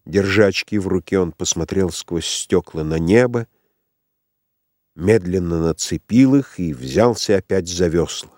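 Deep-voiced man reading an audiobook. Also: animated, measured pace, darkish tone, no echo. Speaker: audiobook narrator. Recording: dry close studio sound.

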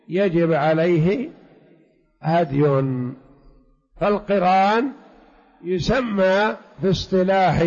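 A high-pitched male sheikh teaches a religious lesson. He puts questions to an imagined objector, answers them, and slows down to stretch the phrases he wants to stress. The recording sounds dull and lo-fi. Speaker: sheikh teaching a commentary on a fiqh text.

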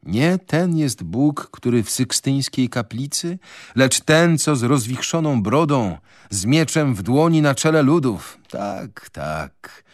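A man's voice: medium pitch, dry recording, clean studio sound. A man reading aloud, voicing a pompous, self-pitying older gentry father in a radio reading of a novel. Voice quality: pompous, declamatory.

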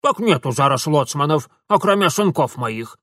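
A man putting on a shrill bossy old village woman. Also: lively intonation, moderate pace, fairly bright tone, no echo, studio quality. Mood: proud. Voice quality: shrill, screeching. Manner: rustic village dialect, scolding and bossy. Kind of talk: audiobook character voice.

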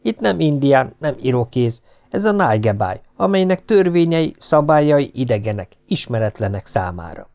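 A man narrating an audiobook with an animated, expressive reading. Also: medium pitch.

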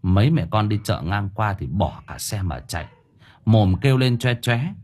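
A man's voice: fairly low pitch, expressive, normal speed, a little mellow. A man narrating a ghost story as an audiobook, vivid and dramatic.

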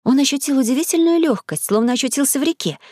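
A woman reading a children's audiobook as the narrator, telling the story clearly and evenly in a studio. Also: sits high, lively intonation, fast, darkish tone, no room sound. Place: recording studio.

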